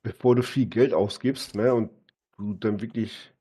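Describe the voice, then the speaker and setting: A man in a relaxed gaming chat on a live stream talks with his partner, regularly finishing phrases with a tag question. His fairly low voice is warm with a breathy edge, and he speaks unhurriedly.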